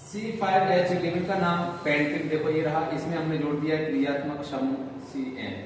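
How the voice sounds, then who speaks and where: Male tutor, fairly high voice, patient and repetitive, recorded far from the mic in an echoey room with faint noise. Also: steady tone, normal speed. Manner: patient, repetitive, calls students "beta". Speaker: chemistry teacher. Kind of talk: classroom lecture. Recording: roomy echo, distant mic, faint noise.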